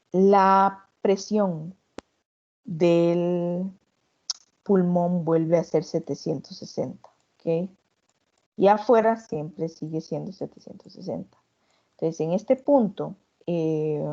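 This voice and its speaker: Woman teaching anatomy online, mellow lowish voice, lots of "eh" and "perdón", muffled laptop mic sound. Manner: explanatory, demonstrative, with filler words and self-corrections.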